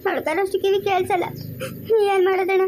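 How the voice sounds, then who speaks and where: Woman playing a village mother, pleading, tearful, very high pitch, Chikkaballapur Kannada accent. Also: flat delivery, fast talker, a little mellow, slight background noise. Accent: Kannada of the Chikkaballapur region. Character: worried village mother of a deaf daughter. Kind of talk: amateur family drama acting.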